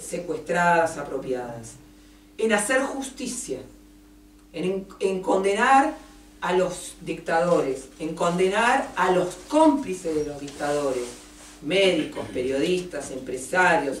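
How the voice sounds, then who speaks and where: An Argentine woman presenting her book at a café event, speaking with passion and driving her points home through long emphatic lists. Her low-set voice carries across a roomy space from a distant mic. A faint hiss of noise sits underneath. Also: lively intonation, slow pace.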